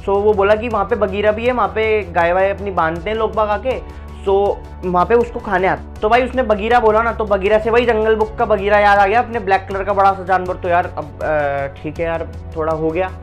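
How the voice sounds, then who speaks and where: A young man tells a story in a relaxed, conversational vlog style, slangy and full of asides and fillers. Faint music sits quietly behind his voice. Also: sits high, a little fast. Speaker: vlogger. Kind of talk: casual storytelling.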